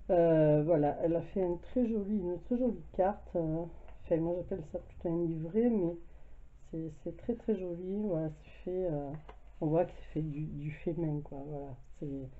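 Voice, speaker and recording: A French woman with a cold, casually showing her craft purchases and filling her talk with hesitations. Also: mid-range voice. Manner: chatty, hesitant, many fillers. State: has a cold, coughing. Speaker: craft vlogger. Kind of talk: casual haul video. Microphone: camera mic at home. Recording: tinny phone-like sound.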